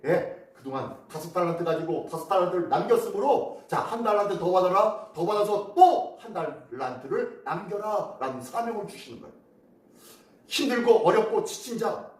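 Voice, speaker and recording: A man's voice: high voice, a little mellow, echoey room, recorded from a distance. A man pastor preaching a dawn devotional, asking rhetorical questions with an emphatic preaching cadence, then leading a prayer.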